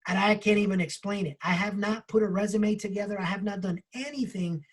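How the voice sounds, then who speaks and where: A man co-hosting a book club, telling a personal story in an animated way with casual swearing. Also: high voice, fairly quick.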